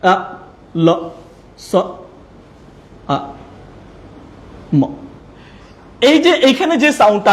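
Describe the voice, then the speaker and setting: A man with a Bangladeshi Bengali accent teaches a room of teachers, drilling them with call-and-response questions and joking with them. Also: very high-pitched. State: sweating. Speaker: teacher trainer. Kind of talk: classroom teaching. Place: training classroom.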